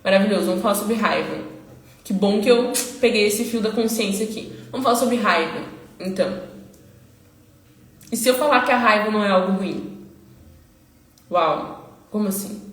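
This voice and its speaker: A woman hosting a casual motivational live talk, animated and answering questions she imagines from her audience. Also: mid-range voice, brisk, long pauses, reverberant. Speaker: live-stream host.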